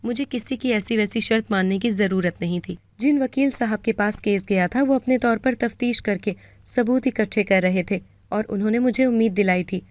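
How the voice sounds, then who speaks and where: A woman's voice: medium pitch, no room sound. Earnest woman telling a story. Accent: Pakistani Urdu. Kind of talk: first-person story narration.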